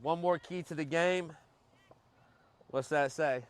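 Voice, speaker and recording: Male soccer coach, slightly high-pitched, delivering an instructive team pep talk with repeated points and check-in questions. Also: slow, clear, resonant tone. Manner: checks understanding with short questions. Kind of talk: pre-game and halftime pep talk to a team.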